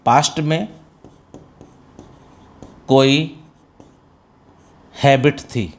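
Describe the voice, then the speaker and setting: A man's voice: medium pitch, fairly even intonation, very slow. A middle-aged man with an Indian accent, teaching spoken English step by step, calling students "beta" and answering his own questions. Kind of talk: classroom-style spoken English lesson.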